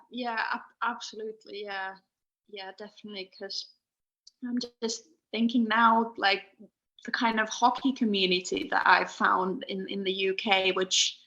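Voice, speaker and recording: A young woman from Finland, a podcast guest speaking casually over an internet call, pausing often with ums. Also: medium pitch, a bit bright. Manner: hesitant, many ums and restarts. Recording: muffled internet call audio.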